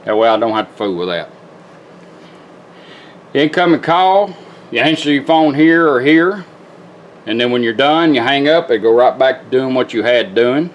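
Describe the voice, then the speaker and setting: With music behind him, a man who restores car radios demonstrates a product casually and hands-on, in a plainspoken, folksy style. His medium-pitched voice is expressive at a moderate pace, with long pauses. The audio is dull, with a little hiss or hum.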